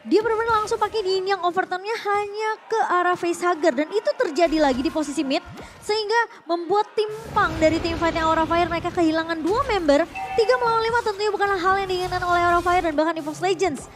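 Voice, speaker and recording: Komentator esports wanita bernada sangat tinggi, cepat. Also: female voice, very high voice, fast talker, background noise. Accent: Indonesian. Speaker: esports analyst co-commentator. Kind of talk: live game analysis commentary.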